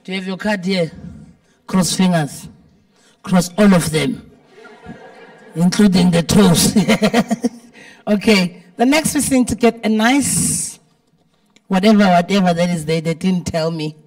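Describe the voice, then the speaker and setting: Speaking slowly with frequent pauses, the South African host sounds low and darkish, her voice big and heavy in timbre. She's teasing and chatting informally with a dinner audience at an event venue, recorded live from a fair distance from the mic.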